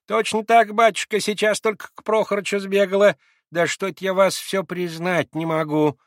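A fussy old serving woman voiced by a man chatters in a high, quavering voice that climbs well above a normal speaking range. The sound is dry and close, with no room around it. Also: little pitch movement, normal speed, a bit bright, dry recording. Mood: chattering. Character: frightened old female servant.

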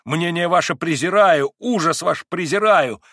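A man voicing a feverish, tormented young man in an audiobook, husky and agitated, rising into anguished outbursts. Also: fairly high pitch, unhurried, a bit bright, no room sound, studio quality, pitched above the performer's own voice. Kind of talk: audiobook character reading.

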